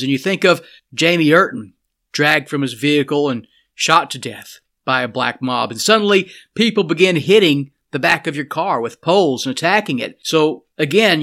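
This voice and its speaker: A man's voice: on the high side, pushed and bright. A man delivering a scripted political commentary monologue, speaking earnestly and addressing the listener directly.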